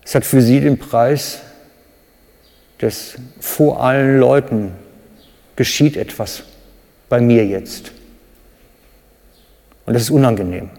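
A man with a German accent preaching a sermon, animated, with sudden loud high bursts when he acts out cries and quotes. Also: slow, pauses often. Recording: reverberant hall.

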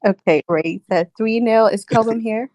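A woman guest on a casual football podcast, calmly going around the group for predictions. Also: a little high, no echo. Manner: unhurried, gathers predictions.

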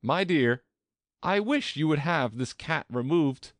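A man's voice: fairly high pitch, animated, slow, dry recording, clean studio sound, pitched above the performer's own voice. A man voicing a nervous, fussy old king in a storybook, with a peevish manner.

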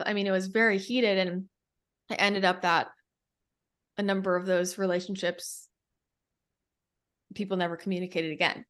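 A woman's voice: mid-range voice, fairly bright tone. A woman in a casual spiritual podcast conversation, telling a long story in a rambling way with many restarts.

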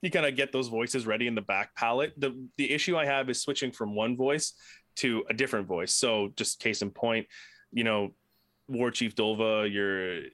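A man's voice: mid-range voice, normal speed, a bit bright, no echo, clean studio sound. A man chatting casually on a podcast, rambling with frequent restarts and swearing freely.

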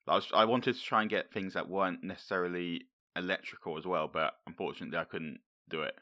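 A man co-hosting a casual podcast, sounding tired and husky after a night shift, easygoing and quick to laugh. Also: sits low, steady tone, bright, forceful tone. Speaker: podcast co-host. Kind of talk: casual chat.

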